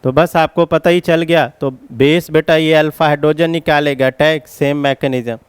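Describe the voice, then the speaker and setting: A man's voice: on the high side, steady tone, normal speed, clear, resonant tone, no room sound. A man teaching chemistry as a classroom lecture, explaining each step and calling his students children.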